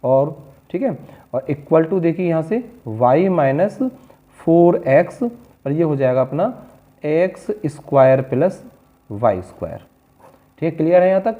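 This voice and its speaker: A man teaches a board-exam maths lesson in a patient, coaxing way, often checking that his students are keeping up. His voice sits a little high for a man. The sound is thin and tinny, like a phone line. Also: expressive, unhurried, pauses often. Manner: patient, coaxing, calls students "beta" and "bachche".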